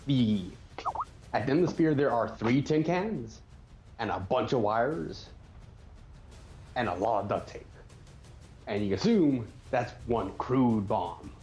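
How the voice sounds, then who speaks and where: A man's voice: mid-range voice, very animated, takes it slowly, long pauses, over music. A man narrating as game master, describing scenes with frequent ums and restarts.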